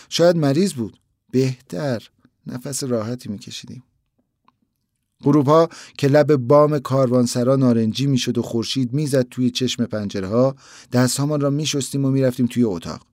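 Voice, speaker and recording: A man reading a story aloud in a measured, plain narrating manner. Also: mid-range voice, mellow, no echo, studio quality.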